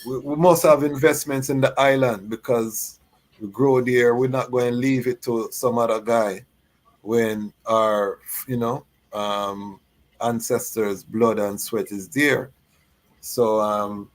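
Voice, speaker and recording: A man hosting a live talk show, asking questions in a halting way with many fillers. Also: medium pitch, fairly even intonation. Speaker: host. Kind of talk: conversational interview.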